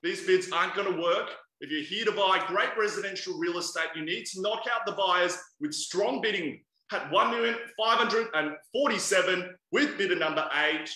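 A man's voice: high voice, moderate pace, hardly any pauses, pushed and bright. A man, calling a live property auction and coaxing buyers with repeated bid amounts. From Australia. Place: indoors by a large glass window. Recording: echoey room sound.

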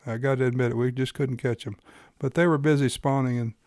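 A man's voice: mid-range voice, fairly even intonation, brisk, a little mellow, no room sound, studio quality. A man hosting and narrating his own fishing video in an easygoing, folksy explaining manner. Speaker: fly-fishing guide and host.

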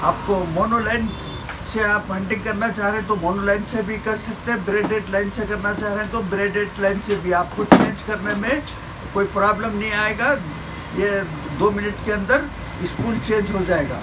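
An older man selling fishing reels from his shop counter, repeating model names in a persuasive sales pitch. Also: steady tone, moderate pace, background noise. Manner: repetitive, persuasive salesman patter, urging viewers to buy. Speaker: fishing tackle shop seller. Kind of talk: product showcase sales pitch. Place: small shop packed with shelves, indoors.

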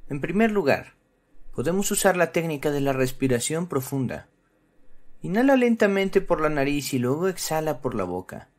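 A man's voice: fairly high pitch, very animated, moderate pace. A man presenting scripted narration for children, instructive and speaking to them directly. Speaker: presenter of a children's psychology channel.

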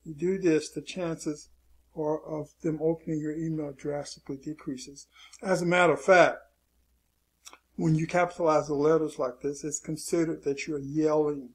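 Gravelly, husky man teaching casually. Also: a little high, flat delivery, moderate pace. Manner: repeats "okay" and restarts often, emphatic warnings. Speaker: online marketing instructor. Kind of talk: casual screen-share tutorial.

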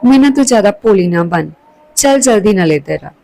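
A woman's voice: medium pitch, lively intonation, fairly quick, vocal fry, warm tone, rough recording. A woman reading the lines of a lecherous, menacing fake holy man in a storybook tale. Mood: coaxing.

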